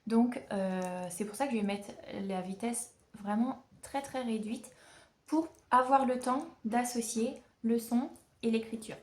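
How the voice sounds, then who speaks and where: A chatty woman with a fairly high voice talks casually to her camera at home. She pokes fun at herself and sounds out each syllable slowly, like a beginner. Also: a little mellow. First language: French. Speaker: language-learning vlogger. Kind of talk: casual vlog.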